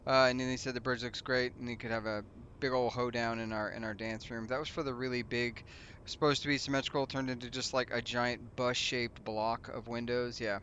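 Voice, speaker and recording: A man hosting a let's play in an easygoing, rambling way, wandering off into asides and poking fun at himself. His voice sits at an ordinary middle pitch. A faint steady noise runs under the recording. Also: fairly quick. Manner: rambling and chatty, loose asides and self-mockery. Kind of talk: casual gaming commentary.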